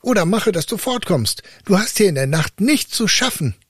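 A man's voice: sits high, very animated, moderate pace, fairly bright tone, husky, no echo, clean studio sound, voice pushed up, full character voice. A man doing a naive, fearless young lad. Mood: challenging. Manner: earnest, naive and bold.

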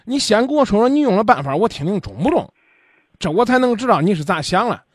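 A man's voice: high-pitched, sing-song, fast talker, dry recording, studio quality. A man hosting a call-in radio show, blunt and pressing as he pushes a caller for a straight answer.

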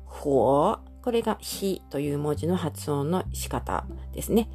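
A woman with a fairly low, mellow voice teaches an audio lesson. She explains patiently and step by step, and her pitch swings widely as she talks. Soft music plays faintly behind her. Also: expressive, moderate pace, gravelly. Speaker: Chinese language teacher.

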